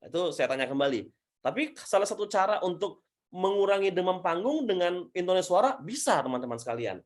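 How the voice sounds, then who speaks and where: A man coaching public speaking, answering audience questions in an energetic, emphatic way, often restarting sentences and building points step by step. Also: high voice, a little fast. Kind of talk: Q&A teaching session.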